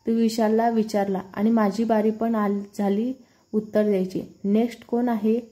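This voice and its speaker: A woman's voice: medium pitch, level tone, normal speed, mellow, close to an everyday voice. A woman voicing a playful young man who teases his friends and turns a bit nervous, in a read-aloud storybook. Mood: friendly.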